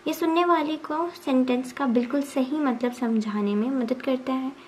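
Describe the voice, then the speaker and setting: High-voiced woman teaching exam notes. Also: normal speed, darkish tone, a little hiss or hum, poor audio. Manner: explains point by point, asking and answering her own questions; mixes English terms into Hindi, often says 'ठीक है'. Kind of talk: exam revision lesson.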